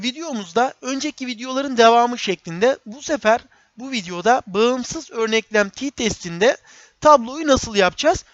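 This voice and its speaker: A man teaching a software tutorial step by step, often repeating phrases and speaking to viewers as friends. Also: very high-pitched, no room sound. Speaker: instructor. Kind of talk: screen-recorded software tutorial. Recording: dull, dry lo-fi recording.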